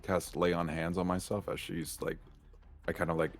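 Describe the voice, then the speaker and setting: A man's voice: sits low, level tone, moderate pace. A young man playing a tabletop game, rambling and hesitant with many fillers. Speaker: player.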